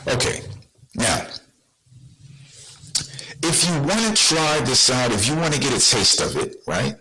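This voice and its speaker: A man's voice: medium pitch, sing-song, a little slow, bright, forceful tone, a little hiss or hum, rough recording. A man hosting a podcast, talking casually and bluntly to his viewers, full of rhetorical questions and slang. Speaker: podcast host.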